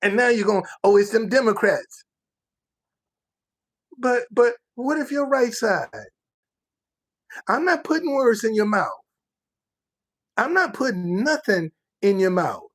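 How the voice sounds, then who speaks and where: Man from the US, livestream ranter; slow, drawn-out delivery, preachy and emphatic, loves repeating himself. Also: extremely high pitch, lively intonation, a bit bright. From United States. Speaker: livestream commentator. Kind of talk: casual ranting monologue.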